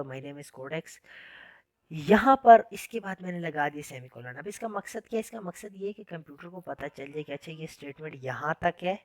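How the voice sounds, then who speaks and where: A programming teacher with a fairly high male voice gives a casual, friendly classroom lecture, recorded without echo. He keeps it chatty and informal, saying "yaar" often.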